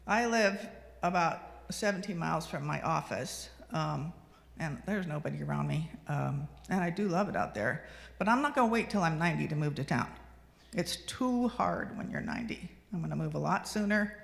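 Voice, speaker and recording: A woman's voice: low voice, lively intonation, moderate pace, creaky. A woman in her sixties, a lay speaker giving a personal reflection talk at a congregation, telling stories conversationally with frequent ums and restarts. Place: fellowship meeting hall. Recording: long hall reverb on a livestream.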